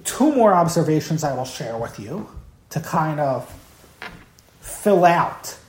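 A woman's voice: low voice, very animated, takes it slowly. A woman giving an evening Torah lecture in an emphatic, impassioned way, often repeating key words. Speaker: Torah teacher. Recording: roomy, echoey room.

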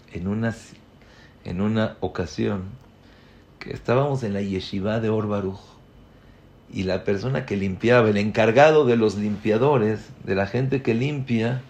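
Rabbi teaching torah, low gravelly voice, gets loud and punchy when he stresses a point. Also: a little slow, pauses often. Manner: builds to loud emphatic peaks; acts out quoted people. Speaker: rabbi giving a Torah class. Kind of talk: Torah lecture.

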